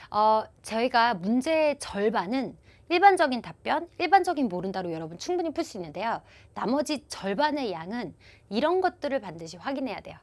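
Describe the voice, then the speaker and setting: A woman teaching an online English listening exam class, explaining answers and acting out example dialogues. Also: a little high. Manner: lively, animated explanations with acted-out dialogue examples. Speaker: TOEIC listening instructor. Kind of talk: online exam-prep lecture.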